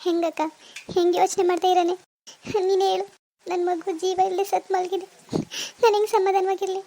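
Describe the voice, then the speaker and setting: A young village mother voiced by a woman pleads in a very high voice. She keeps asking frantic questions, in a homemade village drama. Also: flat delivery, brisk, dark tone. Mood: grieving.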